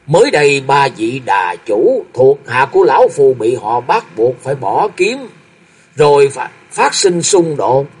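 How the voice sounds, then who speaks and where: A storyteller putting on a stern old martial arts master, half-paralysed and past fifty, who speaks gravely and sighs heavily. His husky voice swings widely in pitch as he gives orders in a storybook tale. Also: sing-song, a little slow, darkish tone. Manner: grave, commanding, sighing.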